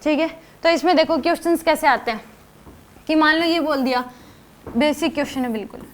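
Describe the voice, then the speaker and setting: A woman's voice: high-pitched, a little fast. A woman teaching physics in a classroom lecture, explaining step by step and putting rhetorical questions to her students.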